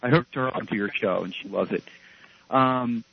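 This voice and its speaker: Male caller, hesitant and halting, on a crackly phone line that keeps fading, heavy static, muffled. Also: fairly low pitch, vocal fry. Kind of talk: casual call-in chat. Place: calling in by phone.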